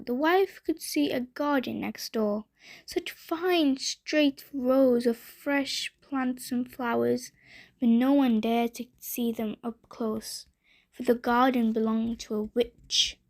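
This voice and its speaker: Slow, high-voiced woman reading a bedtime story. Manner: slow, gentle, deliberate reading.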